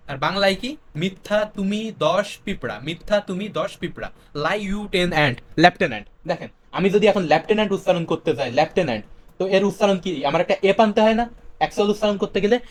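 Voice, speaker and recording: A young man with a high, light voice runs an exam-prep spelling lesson. He spells words out letter by letter and keeps asking questions to drive each point home. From Bangladesh. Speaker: teacher.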